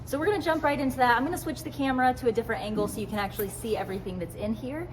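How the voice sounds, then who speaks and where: A woman's voice: fairly high pitch, racing. A woman vlogger talking in a casual, enthusiastic, conversational way, filming in a warehouse by an open window. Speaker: vlogger and small business owner. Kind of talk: casual chatty vlog. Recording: noticeable background ambient noise in warehouse.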